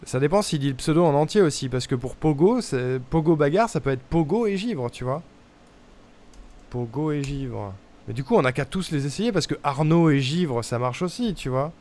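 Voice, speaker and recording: A man's voice: a little high, expressive, moderate pace, a little mellow. A young man streaming a puzzle game, thinking aloud in casual chat as he tests guesses and mutters to himself. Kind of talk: casual live-stream commentary.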